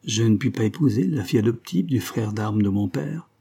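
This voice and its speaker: A man's voice: fairly low pitch, lively intonation, fairly quick, vocal fry, mellow, husky, exaggerated voice. A man reading the part of an earnest, emotional young man in love.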